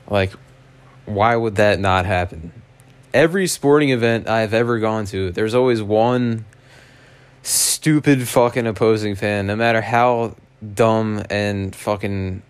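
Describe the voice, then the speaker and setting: Slow-talking man with a raspy smoker's voice. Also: fairly low pitch. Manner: laid-back, profane, slangy. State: hoarse after a night out. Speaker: podcast host. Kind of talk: casual solo podcast chat.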